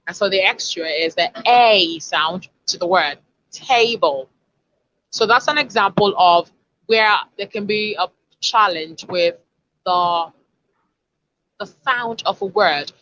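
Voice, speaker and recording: A woman's voice: lowish voice, pushed and bright, highs cut off. A woman, a communication expert explaining and demonstrating word sounds in an online lesson over a video call. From Africa.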